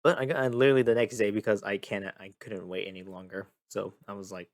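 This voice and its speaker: A young man hosting a casual gaming vlog, tired and a bit monotone, rambling and repeating himself as he talks. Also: on the low side, fast talker, dry recording, studio quality. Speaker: gaming video host. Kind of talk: casual talk to camera.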